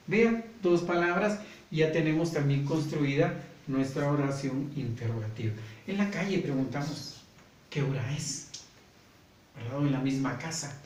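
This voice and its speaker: Slow, patient Guatemalan teacher, echoey room. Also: male voice, on the high side, a little mellow. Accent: Guatemalan Spanish. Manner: patient, repeats points, often asks "¿verdad?". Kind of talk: slow classroom grammar lesson. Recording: echoey room, voice from far off, faint noise.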